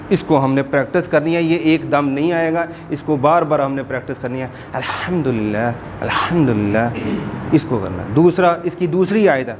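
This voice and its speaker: A man teaching a Quran class, explaining and slowly repeating words to demonstrate correct pronunciation. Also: a little high, a little hiss or hum. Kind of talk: informal religious class lesson.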